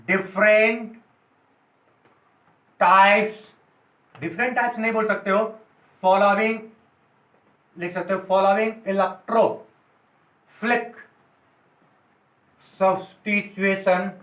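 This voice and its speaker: A man teaching a chemistry lesson at a whiteboard. He keeps checking that students follow, explains with playful everyday stories, and slows down to dictate notes. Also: sits high, fairly bright tone, reverberant, poor audio.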